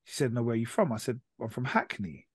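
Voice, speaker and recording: A man's voice: medium pitch, animated, fast, slightly rough, no room sound. A man hosting a podcast discussion, insistent and pressing his point. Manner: insistent, keeps cutting back in.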